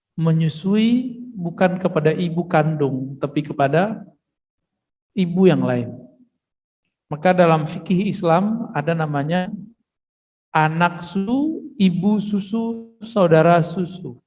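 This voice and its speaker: High-voiced man preaching in a mosque hall. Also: darkish tone. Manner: casual, joking asides to the audience. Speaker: preacher giving a mosque study session. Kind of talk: religious lecture with storytelling.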